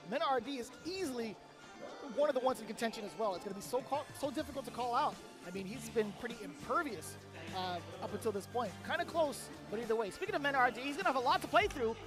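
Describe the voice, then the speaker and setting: Very high, quick male esports co-host. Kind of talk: casual live esports commentary. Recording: loud music behind. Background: music.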